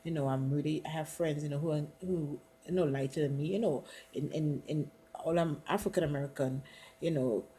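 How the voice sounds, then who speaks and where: This middle-aged Caribbean woman is a student interviewer talking casually with her partner, dropping "you know" often. Her dark, low voice moves a little fast over slight background noise.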